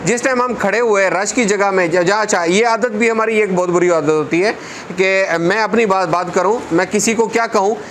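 A man's voice: high-pitched, fairly bright tone, a little hiss or hum. A man, a motorcycle mechanic earnestly giving repair tips to camera in his parts shop, speaking on a lapel mic. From Pakistan. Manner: earnest, repetitive, hands gesturing. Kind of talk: talking-head repair tips. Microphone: clip-on lapel mic.

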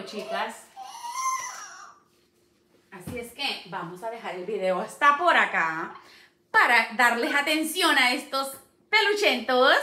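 Woman pet vlogger, slow coaxing baby talk; roomy echo, recorded from a distance. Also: fairly high pitch, bright, forceful tone. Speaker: pet parrot channel host. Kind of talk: casual vlog talking to her parrots. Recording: echoey room, away from mic, noisy.

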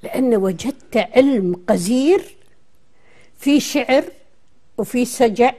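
An older woman with a Kuwaiti accent speaks as an interview guest in a television studio. Her voice sits a little high for a woman and has a very mellow, rounded tone. She talks conversationally, explaining things to her interviewer. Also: lively intonation, takes it slowly. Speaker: interview guest, dialect historian.

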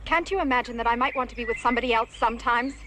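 An actress playing a gentle, yearning young woman in a horror film. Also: on the high side, very fast. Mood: pleading. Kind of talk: film acting. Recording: noisy film soundtrack, outdoor birdsong.

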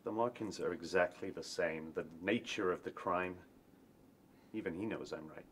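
A man's voice: low-pitched, moderate pace, a little hiss or hum, natural voice. A middle-aged man playing a brooding, cynical hardboiled noir detective in a film, terse and sardonic. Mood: insistent.

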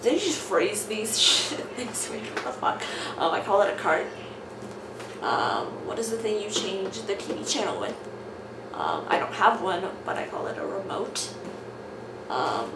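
A young adult woman with a Southern Californian accent, chatting casually in a rambling, informal, sweary way. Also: on the high side. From Southern California, United States. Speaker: vlogger answering an accent challenge questionnaire. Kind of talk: casual chat. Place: small bare-walled room indoors. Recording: roomy, distant mic, noticeable background noise.

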